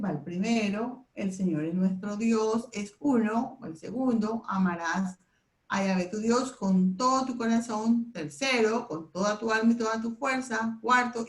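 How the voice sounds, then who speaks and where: Woman teacher with a higher voice, explaining step by step to a class, in a roomy echo. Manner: explains step by step, leads group recitation. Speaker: Bible memorization teacher. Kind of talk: classroom lesson.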